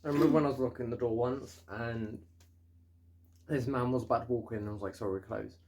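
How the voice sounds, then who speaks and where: A man's voice: medium pitch, steady tone, fast, a little mellow. A young man in casual storytime chat, ranting in an exasperated, sweary way.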